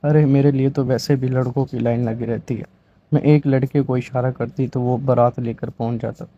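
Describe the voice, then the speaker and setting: A man's voice: mid-range voice, little pitch movement, dull audio, close to an everyday voice. A man reading the lines of a stubborn, sly orphaned young woman in a storybook reading, in a dramatic manner. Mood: defiant.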